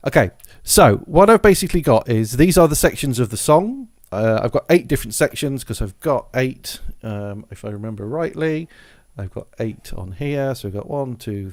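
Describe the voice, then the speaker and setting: A man's voice: medium pitch, no echo. A man presenting a music gear tutorial in a casual, rambling way, thinking aloud as he goes. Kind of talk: casual software and hardware walkthrough. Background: scratching noise from a dog in the background.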